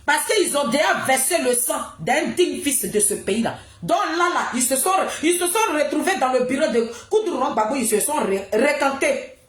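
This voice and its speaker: Ranting Ivorian woman, high echoey voice. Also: sing-song, moderate pace, soft background music. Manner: ranting, scolding, repeats phrases for emphasis. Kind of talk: impassioned political monologue addressed to the public. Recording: roomy, echoing sound.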